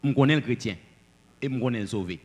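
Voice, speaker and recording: A man preaching a sermon, swinging between loud declamations and low asides. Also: fast talker, long reverb tail.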